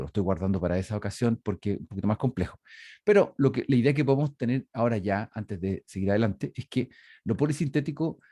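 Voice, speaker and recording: Dark-voiced man lecturing online. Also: lowish voice, dry recording, clean studio sound. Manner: explanatory, many fillers and self-corrections. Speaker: university lecturer. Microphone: video call microphone.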